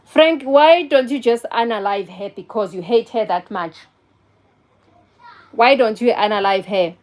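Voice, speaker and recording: With a slightly high, darkish voice at a measured pace, a South African woman in her forties chats on a live stream. Between answering viewers she takes a phone call, shifting between English and Zulu.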